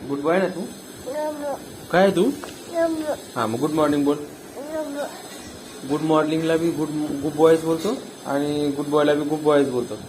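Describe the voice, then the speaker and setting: Man, casual home video, coaxing a toddler, playful sing-song, fairly high voice, faint background hum. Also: steady tone, moderate pace, pauses often, poor audio. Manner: laughs warmly between prompts. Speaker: family vlogger filming a toddler.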